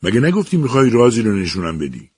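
A man's voice: fairly low pitch, sing-song, a little mellow, husky, no echo, clean studio sound, pitched above the performer's own voice. A man voicing a frightened trapped young woman. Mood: frightened, pleading. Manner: anxious, pleading.

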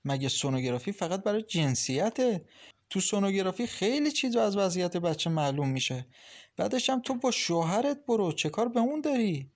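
A man's voice: high-pitched, voice pushed up, full character voice. A man voicing a caring, talkative young wife who gives kind, lecturing advice in an audiobook. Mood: concerned. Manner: lively, reassuring, lecturing kindly. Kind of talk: audiobook character reading.

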